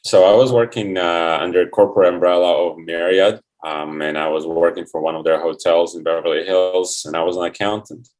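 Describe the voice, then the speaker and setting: A man from Ukraine, a guest in a casual online interview, relaxed and friendly with many fillers. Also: deep voice, fairly quick, few pauses. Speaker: guest, QA engineer.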